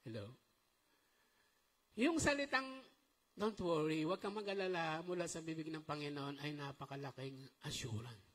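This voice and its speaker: High-voiced preaching man in an echoing church. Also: moderate pace, long pauses. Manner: animated preaching with call-and-response checks. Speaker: pastor. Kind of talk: sermon. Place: church hall. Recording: long church-hall reverb.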